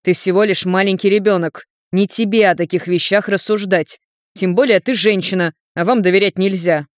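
A woman's voice: medium pitch, steady tone, normal speed, no echo, studio quality, natural voice. A woman voicing a curt, irritable young man in a storybook reading, snapping his words short. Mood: irritated. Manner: snapping, blunt.

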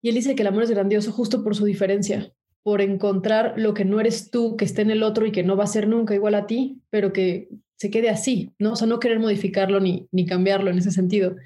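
Female poet guest, thoughtful explainer, mellow mid-pitched voice. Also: fairly even intonation, fairly quick. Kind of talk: interview.

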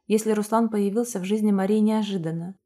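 A woman's voice: medium pitch, fairly even intonation, quick pace, mellow. Woman narrating a romance audiobook. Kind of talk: reading a romance novel aloud.

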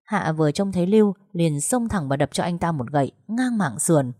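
Low-voiced woman narrating a drama. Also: lively intonation, a little fast, warm tone, dry recording, studio quality. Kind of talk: storytelling narration.

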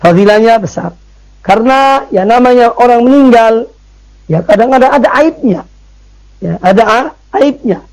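A man delivers a religious study lecture in a strikingly high voice. He speaks emphatically, repeats key phrases and sprinkles in short fillers between points. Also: animated, moderate pace, pauses often, rough recording. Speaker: Islamic preacher.

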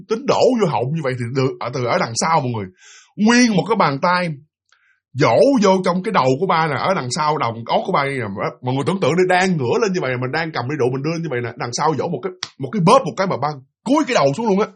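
Fast, lively man. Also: a little high, breathy edge. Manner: animated, repetitive, conversational. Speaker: storyteller. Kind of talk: casual spoken ghost story.

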